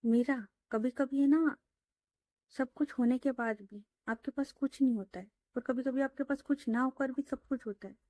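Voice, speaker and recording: A woman voicing a pleading young woman, soft and high. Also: moderate pace, no room sound, close to an everyday voice. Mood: earnest.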